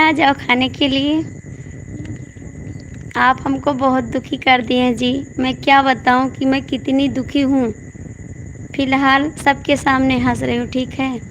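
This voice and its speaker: Hoarse woman livestreamer, high and slow, gravelly, crickets loud behind. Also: slight background noise, low-quality recording. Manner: pleading, coaxing, repeats requests. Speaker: folk singer hosting a live stream. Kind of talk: casual live-stream chat with viewers. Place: indoors at night with the power out.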